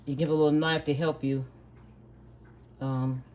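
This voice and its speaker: A woman's voice: low voice, flat delivery, measured pace, a little mellow, slight background noise. A middle-aged woman hosting a home cooking video, firmly telling her dogs to stop barking and then explaining each step plainly. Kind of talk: casual cooking demonstration. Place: home kitchen with dogs nearby.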